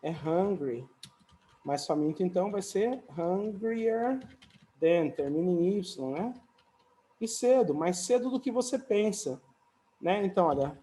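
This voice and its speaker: A man's voice: sits high, expressive, measured pace, dark tone. A man teaching English comparatives in a casual, chatty video lesson, often adding little tag questions and light jokes.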